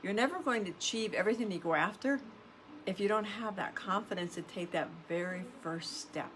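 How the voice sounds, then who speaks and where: A woman's voice: medium pitch, brisk. A middle-aged woman with a mid-range voice talks like a self-help influencer, casually but with conviction. She leans on repeated phrases and rhetorical questions to drive points home. Faint background noise sits under her voice. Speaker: self-help podcast host and coach. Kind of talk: motivational self-help influencer talk to camera.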